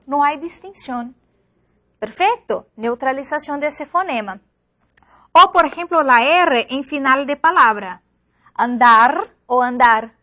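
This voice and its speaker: High-voiced woman lecturing. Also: fairly bright tone. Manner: explanatory, checks in with frequent "perfecto". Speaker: teacher. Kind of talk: online lecture.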